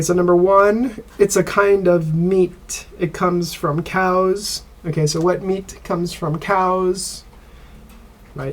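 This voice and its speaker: A man with an American accent teaching an online English class, speaking haltingly and pausing often with fillers. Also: high voice, gravelly. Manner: slow and halting, with frequent filler pauses.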